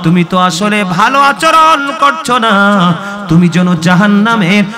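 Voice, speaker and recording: A man's voice: sits high, very animated, normal speed, over music. A male preacher with a Comilla Bengali accent, giving a sing-song sermon and calling on the crowd to answer back. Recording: crowd noise at a public gathering.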